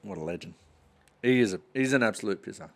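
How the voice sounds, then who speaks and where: A man's voice: fairly low pitch, lively intonation, fast talker. A man with an Australian accent hosting a casual podcast, chatting in a slangy, blokey way like an Aussie tradesman. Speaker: podcast host. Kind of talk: casual banter.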